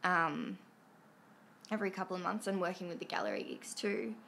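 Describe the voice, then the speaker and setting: A woman's voice: fairly low pitch, big pitch swings, moderate pace, vocal fry, a bit bright, slight background noise. A woman with a nasal voice, a guest musician in a casual chat, easygoing and thinking aloud as she talks.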